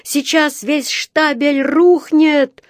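A woman playing a loud, excitable factory foreman who shouts warnings in a storybook. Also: high-pitched, extremely slow, no echo, clean studio sound, pitched above the performer's own voice. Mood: shouting.

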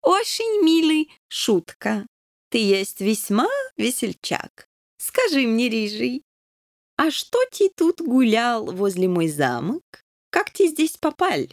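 A woman's voice: fairly high pitch, sing-song, slow, dry recording, studio quality, exaggerated voice. Woman doing a pompous drawling doberman king. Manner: speaks broken Russian with a foreign accent; drawling, sentimental.

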